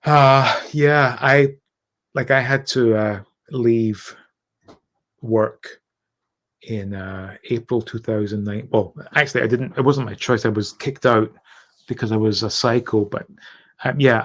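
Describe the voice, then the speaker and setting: A Scottish man in middle age with a medium-pitched voice hosts a relaxed livestream. He talks candidly and informally, putting himself down and swearing freely as he chats with viewers. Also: unhurried. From Scotland. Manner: candid, self-deprecating, sweary. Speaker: livestream host. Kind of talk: casual livestream chat, reading out and answering comments.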